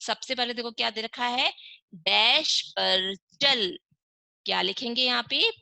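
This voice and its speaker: A woman's voice: on the high side, a little slow, vocal fry, pushed and bright, no room sound, rough recording. A woman teaching young children in an online class, reading words syllable by syllable and asking and answering her own questions. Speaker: primary school Hindi teacher.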